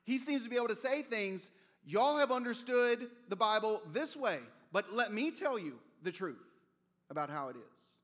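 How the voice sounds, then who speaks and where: A man's voice: sits high, sing-song, normal speed, a bit bright. A man preaching a sermon as pastor, conversational and storytelling, with casual asides. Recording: long reverb of a large hall.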